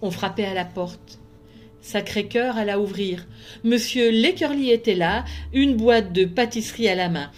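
Give me a woman reading a storybook aloud, calm and expressive. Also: mid-range voice, unhurried, soft background music.

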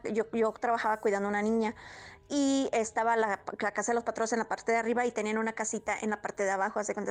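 A woman tells a personal story casually, full of fillers and restarts. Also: fairly high pitch. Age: 30s. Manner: rambling, many fillers and restarts. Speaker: guest storyteller.

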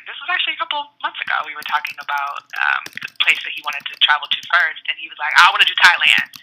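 A woman's voice: sits low, very animated, fast talker, pushed and bright, slight background noise, low-quality recording. A woman guest giving friendly advice in a casual interview.

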